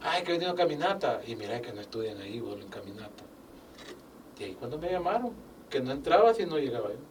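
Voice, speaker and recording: An older business owner, a guest in a relaxed interview, recounts his life story with lively, faith-filled phrasing and acts out the dialogue he quotes. He talks fast at a medium pitch, captured by a distant mic with faint background noise.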